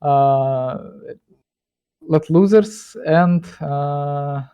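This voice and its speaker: Slow halting man. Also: on the high side, mellow, clear, resonant tone, no echo. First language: Russian. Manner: halting, hesitant, many pauses. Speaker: team commander. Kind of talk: casual interview.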